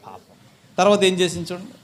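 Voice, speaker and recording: A man preaching a sermon as pastor, putting questions to his congregation and answering them himself, and building to loud emphatic peaks. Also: sits high, fairly even intonation, quick pace.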